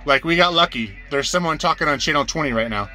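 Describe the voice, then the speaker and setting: Fast-talking and animated, a man with a fairly high, sharp voice gives a trucking tutorial from inside the cab while soft music plays in the background. He keeps it casual and hands-on, restating instructions step by step for a beginner.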